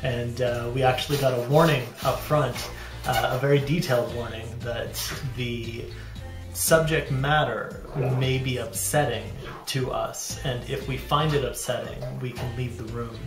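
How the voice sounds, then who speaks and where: A man in his thirties rambles self-deprecatingly to camera as a dad vlogger, filming on a handheld camera held at arm's length in a small bathroom. His medium-pitched voice is fairly even and measured, the sound roomy, with music behind him.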